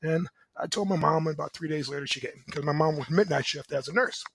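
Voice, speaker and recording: A middle-aged man hosting a podcast, telling his life story in a lively, conversational way, chuckling often. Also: on the high side, quick pace, gravelly, breathy edge. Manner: animated, conversational, chuckles often, asks "right?". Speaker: podcast host. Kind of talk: personal storytelling monologue.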